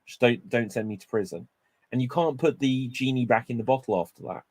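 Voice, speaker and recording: A man co-hosting a wrestling news show, talking in a casual, animated way and spinning playful theories. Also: medium pitch, brisk, dry recording. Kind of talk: casual chat.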